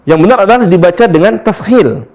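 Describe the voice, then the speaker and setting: A man teaching a casual recitation lesson, explaining rules and then chanting verses slowly and drawn out. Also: high-pitched, lively intonation, darkish tone.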